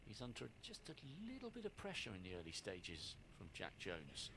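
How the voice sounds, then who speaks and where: Male sports commentator for snooker, lowish voice, measured short phrases, clear ambient noise behind. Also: huge pitch swings.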